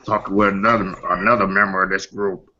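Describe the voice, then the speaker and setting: A man's voice: low-pitched, little pitch movement, fast talker, sharp tone, slight background noise. A man chatting and questioning in a casual, repetitive, stammering way. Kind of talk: casual chat. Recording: dull lo-fi recording.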